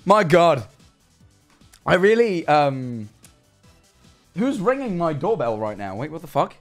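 Taking it slowly, a young man with a fairly high voice reads his livestream chat aloud and reacts with animated sarcasm and frequent swearing. Soft background music plays in his small bedroom streaming room, where he sits at a desk speaking into a headset-style studio mic.

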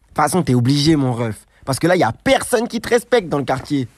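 Scheming young hustler, as a man plays him, boastful, wheedling, slightly high voice. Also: sing-song, brisk. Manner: boastful, wheedling street slang. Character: scheming streetwise young man called the rat. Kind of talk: comedy sketch acting.

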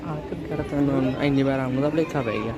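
A man's voice: medium pitch, quick pace, a loud crowd. A man with a Punjabi accent chatting casually. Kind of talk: casual chat. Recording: muffled, noisy outdoor vlog audio.

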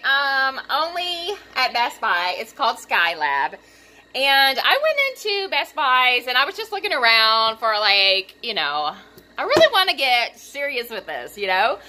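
A young woman vlogging from her room, gushing with excitement, giggling, squealing and filling her talk with "like" and "um". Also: high-pitched, a little hiss or hum. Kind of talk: excited unboxing vlog. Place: home room.

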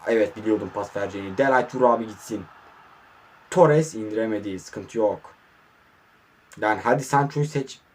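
A young man commentating his own online football game, talking to the players on screen and swinging from low mutters to excited shouts. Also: normal speed, long pauses.

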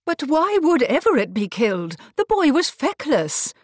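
A man voicing a blunt, imperious elderly woman who speaks in sharp exclamations. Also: high voice, moderate pace, dry recording, lightly acted. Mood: urgent. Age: older. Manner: exclamatory, commanding.

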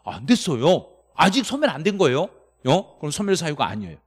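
A middle-aged man teaching a live-stream exam lecture, excited and quizzing his viewers. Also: brisk, slightly rough, long reverb tail. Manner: animated, jumps to high excited pitch on key words, quizzes the chat. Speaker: real estate tax law instructor.

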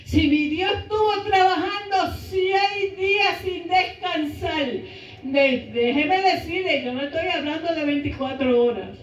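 A middle-aged woman preaching a sermon into a handheld mic in a small church hall, impassioned, rising into shouts and half-sung lines. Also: very high voice, a little slow, a little hiss or hum. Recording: echoey room, camera far off, dull sound.

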